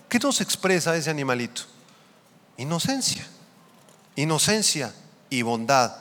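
A male pastor preaching a sermon, swinging between raised and hushed lines as he questions the congregation. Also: fairly high pitch. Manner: preaching with sweeping rises and drops, questioning the congregation. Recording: long hall reverb.

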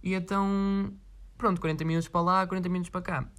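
A man's voice: high voice, flat delivery, quick pace, fairly bright tone, clean tone. A man with a European Portuguese accent, chatting casually in a vlog and reading out viewer requests in a rambling, slangy way with frequent swearing. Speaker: vlogger.

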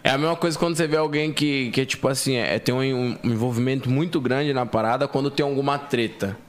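A man's voice: mid-range voice, quick pace. A man from Brazil in a casual podcast conversation, often chiming in to agree. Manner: agreeing backchannel, slangy.

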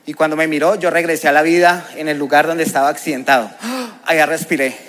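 A man's voice: on the high side, a little fast, fairly bright tone. A man with a Colombian accent giving a personal testimony as a preacher, telling it vividly and with emotion. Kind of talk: testimony sermon.

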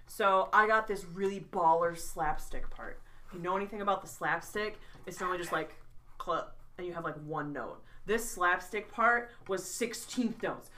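A woman's voice: on the low side, moderate pace, pushed and bright, recorded from a distance, a little hiss or hum. Chatty young woman telling a story. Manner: chatty, many "like"s, playful emphasis. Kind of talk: casual storytelling chat.

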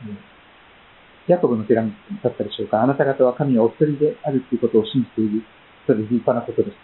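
A Japanese pastor delivers a sermon with Bible reading and prayer, his mid-pitched voice measured and gentle, pausing often and filling gaps with soft fillers. The audio is narrow and tinny, like a phone line.

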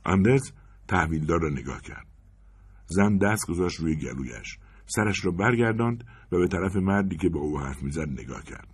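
Deep husky male storyteller. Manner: expressive storytelling. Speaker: narrator. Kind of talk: audiobook story reading.

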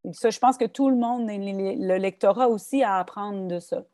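This woman's mid-range voice moves briskly in an echo-free studio recording. Appearing as a guest author with a Québécois French accent, she reflects on poetry during a casual interview, lively and prone to restarts and fillers.

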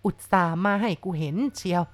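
Old village grandmother, voiced by a woman, blunt, coarse-spoken, slow drawl, lowish voice, storybook reading. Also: steady tone, lightly acted. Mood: grieving.

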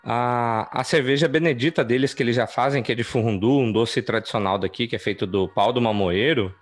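A man from co-hosting a podcast, explaining things in a relaxed way with stumbling restarts. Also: mid-range voice, fairly quick. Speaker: podcast co-host. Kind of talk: casual chat.

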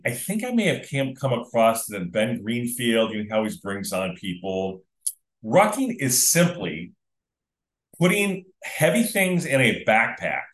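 A man's voice: mid-range voice, a bit bright. A man hosting a casual solo podcast, talking enthusiastically and chattily to his listeners, whom he calls friends. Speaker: podcast host. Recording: roomy echo.

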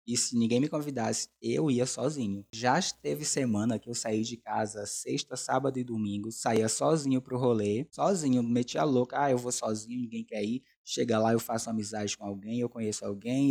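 A man's voice: medium pitch, fairly even intonation, normal speed, vocal fry, few pauses, darkish tone. A Brazilian man in his twenties chatting casually as a podcast host, with a campy, self-mocking, slangy manner. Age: 20s. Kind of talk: casual confessional chat.

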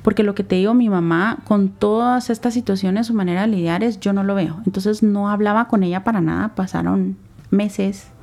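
Mellow-voiced Guatemalan woman, earnest testimony. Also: mid-range voice, steady tone. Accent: Guatemalan Spanish. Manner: earnest, reflective, speaks in short halting phrases. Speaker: interview guest. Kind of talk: personal testimony in a sit-down interview.

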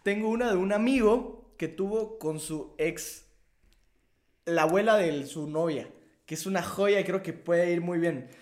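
A man's voice: high-pitched, a little slow, a little mellow. A man co-hosting a podcast, telling stories and joking in casual banter. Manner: laughing, storytelling banter. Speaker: podcast co-host. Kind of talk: casual chat.

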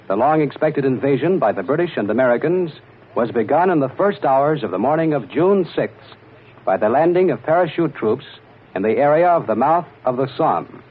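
Husky 1940s radio newsman on a tinny broadcast. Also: medium pitch. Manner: measured, formal announcer delivery. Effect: old 1940s radio broadcast, played from archive. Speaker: radio news reporter. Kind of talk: formal wartime radio news bulletin. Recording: tinny narrow-band archival radio recording.

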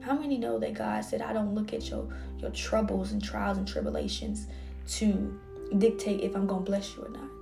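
A woman in her twenties hosting a podcast, preaching with passion and dropping now and then into soft whispers. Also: medium pitch, sing-song, moderate pace, vocal fry. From Texas. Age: 20s. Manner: impassioned, swings between soft whispers and fervent outbursts. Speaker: podcast host. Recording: music playing underneath.

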